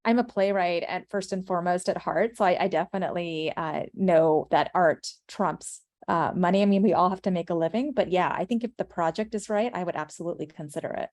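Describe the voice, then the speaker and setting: Her voice is fairly low and darkish in tone, and she speaks briskly with few pauses. She's an American screenwriter and playwright, a guest in an interview, answering thoughtfully and in an earnest, reflective way with an American accent.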